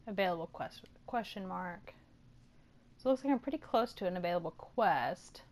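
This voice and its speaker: A woman's voice: lowish voice, expressive, moderate pace, darkish tone. A woman doing casual gameplay commentary and reading game notices aloud. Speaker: let's play gamer.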